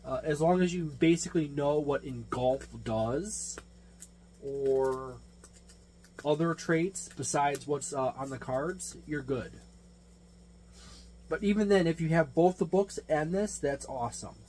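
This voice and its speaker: A game master and tabletop reviewer, his voice on the high side and mellow, takes an unhurried pace through a rambling, unscripted hobby review. He corrects himself often and stresses his points. Audio quality is poor, with noticeable background noise and hum.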